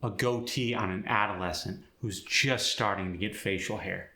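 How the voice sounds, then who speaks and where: Male instructor, lowish bright voice, explanatory scripted lesson delivery, echoey room. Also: normal speed. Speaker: accent instructor. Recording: roomy echo.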